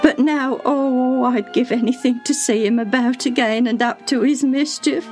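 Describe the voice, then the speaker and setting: A woman voicing a tearful, devoted elderly female servant who speaks high and quavering, close to sobs. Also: steady tone, normal speed, darkish tone, faint music behind, close to an everyday voice. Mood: grieving.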